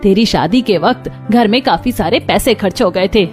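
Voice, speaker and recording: One woman voices every female character in a Hindi cartoon story, from the mother-in-law and daughter-in-law to the neighbors. Her mid-range voice is a little mellow and moves at a normal speed, with faint music in the background.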